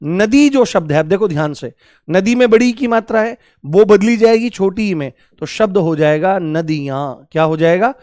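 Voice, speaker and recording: In a live online Hindi grammar lesson, a male teacher with a fairly high, slightly mellow voice speaks at a moderate pace. He goes over each key word repeatedly and keeps asking students for examples, and the recording is close and dry, free of room echo.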